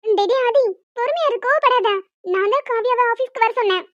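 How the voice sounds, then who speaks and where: A woman's voice: very high-pitched, a little fast. A woman voicing a bossy pregnant young woman in a cartoon, firm and persuading. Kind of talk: cartoon dialogue. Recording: dull lo-fi dry sound.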